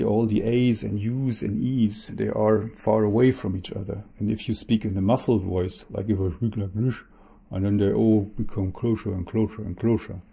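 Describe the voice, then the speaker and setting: A man's voice: fairly low pitch, vocal fry, mellow, breathy edge. A man presenting his research in a recorded talk, explaining patiently with frequent restarts and fillers.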